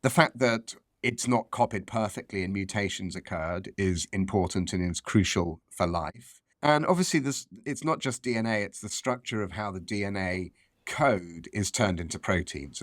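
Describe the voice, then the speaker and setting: A man speaking as an expert professor, explaining science conversationally in a measured way and repeating phrases for emphasis. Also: deep voice, no echo, clean studio sound.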